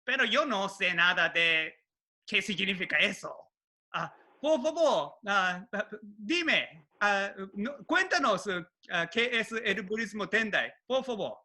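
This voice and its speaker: A man hosting an interview, asking questions haltingly with many "ah" fillers. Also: high-pitched, animated. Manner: halting, many "ah" fillers, soft murmured replies. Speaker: host.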